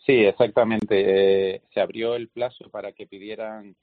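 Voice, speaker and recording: A man interviewed as a health official, explaining in a lively, anecdotal way. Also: on the low side, measured pace, no echo. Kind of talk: phone interview. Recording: dry, tinny phone line.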